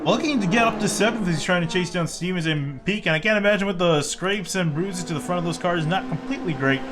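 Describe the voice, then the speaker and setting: A man's voice: high voice, fast, noisy background. A man giving conversational, analytical motorsport commentary on a live sim race.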